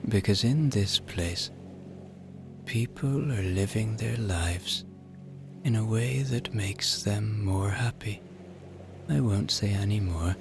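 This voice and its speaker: An Irish man narrating a calming sleep story and guided relaxation, soothing and unhurried, with soft breathy phrase endings and long pauses. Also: deep voice. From Ireland. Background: music behind the voice.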